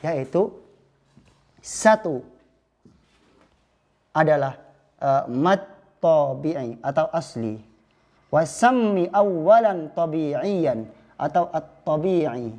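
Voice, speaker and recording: A man's voice: a little high, dark tone. A male Islamic teacher explaining a lesson patiently, acting out short spoken examples.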